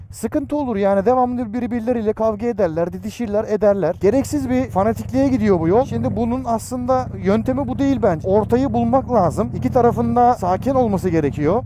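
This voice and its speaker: Man, inside a helmet, high voice, rapid exasperated casual monologue, clear riding noise. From Turkey. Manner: exasperated, colloquial, full of rhetorical questions. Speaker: motorcycle vlogger. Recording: helmet mic with clear road and engine noise.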